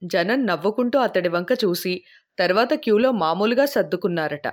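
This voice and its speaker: A woman's voice: mid-range voice, normal speed. Woman narrating a novel audiobook. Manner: even storytelling. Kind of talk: scripted narration.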